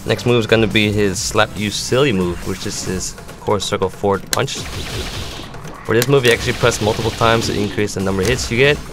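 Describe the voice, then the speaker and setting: A competitive gamer walks through fighting game moves step by step in an instructional commentary, with music playing behind him. His voice is lowish and he talks fairly quickly.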